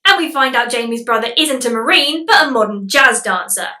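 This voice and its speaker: A woman's voice: a little high, expressive, fairly quick, reverberant, distant mic, crowd noise. Sarcastic, sweary woman. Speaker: film reviewer. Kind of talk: comedic film review narration.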